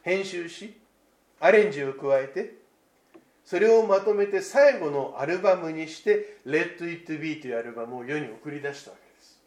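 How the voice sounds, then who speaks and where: Male pastor, fairly high voice, slow reflective sermon, echo of a church hall. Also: animated, a little mellow. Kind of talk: Christmas sermon.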